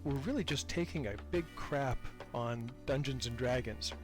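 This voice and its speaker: An older man talks casually as a podcast guest in a casual interview chat, coming across as talkative and self-deprecating. His voice is mid-range at a moderate pace, heard over music.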